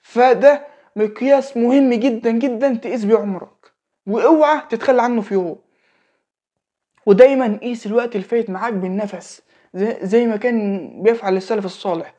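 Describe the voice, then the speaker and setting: This religious advice speaker is a young man in his late teens with an Egyptian Arabic accent, speaking casually, going back over phrases and checking in with the listener. His voice is very high and mellow, and his pace is a little fast.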